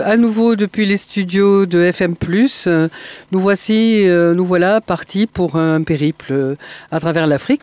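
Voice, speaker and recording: A woman's voice: fairly low pitch, darkish tone, dry recording. A woman hosting a radio interview in a studio, speaking hesitantly with many fillers. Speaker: radio host.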